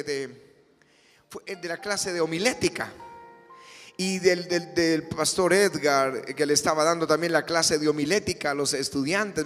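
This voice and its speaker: A middle-aged man preaches with fervor, his high voice climbing into shouts. His tone is bright and ringing, and it carries through a large hall with long reverb. Soft music plays faintly beneath him. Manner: impassioned, rising to shouts. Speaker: pastor. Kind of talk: sermon.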